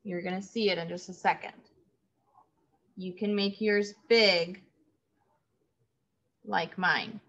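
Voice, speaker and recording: A woman teacher talks to young children in a slow, patient way, repeating each key word. Her voice is bright and carries a crisp edge. The audio sounds a little dull and lo-fi. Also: mid-range voice, fairly even intonation. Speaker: third grade teacher. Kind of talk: online classroom lesson.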